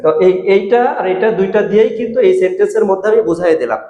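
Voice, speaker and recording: High-voiced man teaching in an echoey room. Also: dark tone, dull audio. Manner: repeats words and phrases slowly, asks and answers his own questions. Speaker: language teacher. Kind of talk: explaining Russian grammar in Bengali. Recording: echoey room with long reverb.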